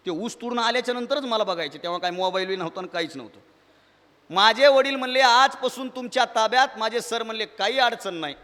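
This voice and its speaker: A man telling stories from his childhood to an audience of teachers, animated and acting out the voices of the people in them. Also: sits high. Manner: animated storytelling, acts out voices of father and teacher. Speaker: speaker addressing teachers. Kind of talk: storytelling speech to an audience. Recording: echoey hall with long reverb.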